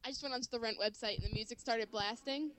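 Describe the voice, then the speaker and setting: A young woman co-hosting a podcast, chiming in with quick chatty remarks. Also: fairly high pitch, fairly bright tone. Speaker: podcast co-host. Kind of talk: casual chat.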